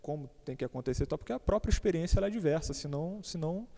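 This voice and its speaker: A Brazilian church teacher on a panel explains a church topic conversationally in a church hall, his Brazilian Portuguese accent clear. His voice is on the high side, animated and rapid-fire with a dark tone. He hesitates, repeats words, and adds casual asides, all under long hall reverb.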